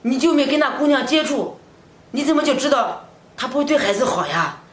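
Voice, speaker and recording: Meddling neighbor aunt, middle-aged, coaxing matchmaker tone; echoey room. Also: female voice, high voice, lively intonation, a little fast. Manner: coaxing, persuasive. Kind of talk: short web drama acting.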